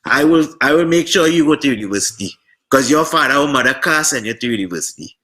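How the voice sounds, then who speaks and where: Earnest Trinidadian man with bright voice. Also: mid-range voice, animated. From Trinidad and Tobago. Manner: earnest, heartfelt, slightly halting. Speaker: guest. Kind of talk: casual political chat.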